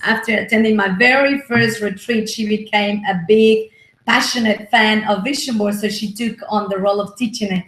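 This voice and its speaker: A woman's voice: mid-range voice, steady tone, moderate pace, fairly bright tone. A woman interviewer and retreat host, talking in an enthusiastic, praising way. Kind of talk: casual interview chat. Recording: roomy echo.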